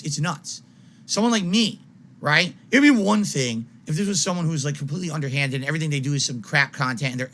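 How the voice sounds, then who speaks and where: A man on a live stream in a wild, unhinged rant. His voice is forceful, sharp and somewhat high. He is exasperated and confrontational, hammering points over and over and swearing for emphasis. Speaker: video game live streamer.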